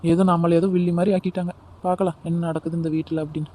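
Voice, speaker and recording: A man voicing a sharp-tongued young daughter-in-law in an amateur cartoon, speaking scornfully and defensively. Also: fairly high pitch, flat delivery, very fast, natural voice.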